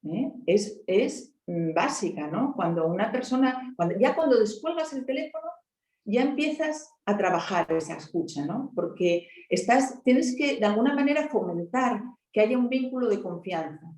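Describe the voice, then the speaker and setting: A woman's voice: medium pitch, expressive, moderate pace, a little mellow. Woman, Asturian Spanish accent, explanatory panel speaker, leans on tag questions; echoey room sound. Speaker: helpline volunteer speaker. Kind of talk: conversational talk.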